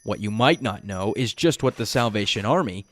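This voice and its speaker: A man's voice: lowish voice, expressive, normal speed. A man with an American accent narrating a scripted news package as a reporter.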